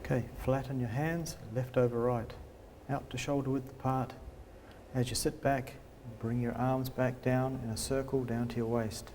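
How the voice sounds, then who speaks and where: A man's voice: mid-range voice, little pitch movement, moderate pace, a little mellow, slight background noise. A man instructor gives simple, direct tai chi cues, walking through movements step by step.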